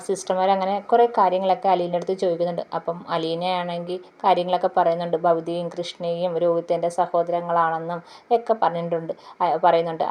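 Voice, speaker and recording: A woman recaps a TV serial in an easy, chatty way, padding her sentences with drawn-out filler sounds. Her voice sits low and stays fairly flat, without much rise and fall. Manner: chatty, fills pauses with drawn-out "aa" and "then". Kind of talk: casual plot retelling.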